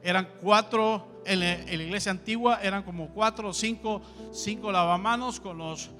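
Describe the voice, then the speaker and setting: Bright, high-voiced Honduran preacher. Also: male voice, moderate pace, long reverb tail, soft background music. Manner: emphatic, repeats key phrases. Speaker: pastor. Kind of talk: sermon.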